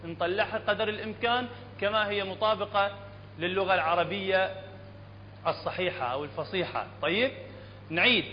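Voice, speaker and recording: High-voiced Iraqi Quran teacher, echoey hall. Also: male voice, a little fast, pauses often. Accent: Iraqi Arabic. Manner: explains step by step, keeps asking if it is clear. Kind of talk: classroom tajweed lesson. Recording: echoey hall, dull lo-fi sound, faint room noise.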